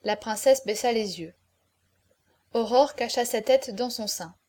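Woman reading an old novel aloud, fairly high voice, goes quiet on the "he said" bits. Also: a little slow. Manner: dropping quietly on speech tags. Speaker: audiobook narrator. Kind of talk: scripted narration of a classic novel.

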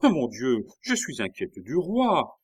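A man voicing a proud, jealous queen who speaks with sharp irony that rises to fury. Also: lowish voice, animated, measured pace. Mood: furious. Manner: sharp, biting, rising to fury.

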